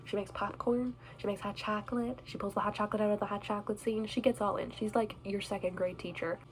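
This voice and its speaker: A woman's voice: mid-range voice, fairly even intonation, fast talker, slight background noise, low-quality recording. Chatty young woman vlogger. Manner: chatty, bubbly, self-deprecating. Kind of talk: casual chat reviewing movies. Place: indoors in front of a Christmas tree.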